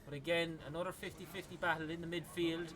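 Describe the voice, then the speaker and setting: A man with an Irish accent doing live esports commentary, talking fast with lots of "like" fillers and rising to shouts on big plays. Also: on the high side. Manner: excitable, rises to yelling on big plays, many "like" fillers. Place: gaming arena venue. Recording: loud crowd behind at a live event.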